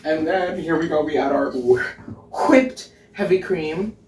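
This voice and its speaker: His voice is a little high with a darkish tone, and he talks slowly. As the bubbly, giggly drag host of a home cooking vlog, he swears often over his food and puts on a pretend Irish lilt. A camera mic several feet off in his indoor kitchen catches him off-mic, with roomy echo and a little hiss or hum.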